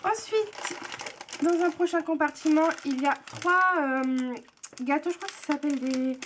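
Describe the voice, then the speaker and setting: A woman's voice: sits high, unhurried, fairly bright tone, slight background noise. A young woman blogger chatting casually and gushingly about a tea box, full of hesitations. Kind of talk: casual unboxing chat.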